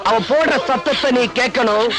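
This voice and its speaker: A vengeful man with a Tamil accent, taunting in a fairly high voice. Film music runs underneath the dialogue. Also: normal speed. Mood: menacing. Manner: taunting, menacing. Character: vengeful, menacing young man.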